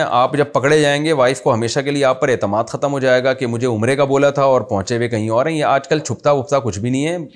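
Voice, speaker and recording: Pakistani-accented male scholar, mid-pitched, chatty and explanatory in a Q&A talk. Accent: Pakistani Urdu. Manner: conversational, explains with examples. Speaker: Islamic scholar answering questions. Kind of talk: question-and-answer religious talk.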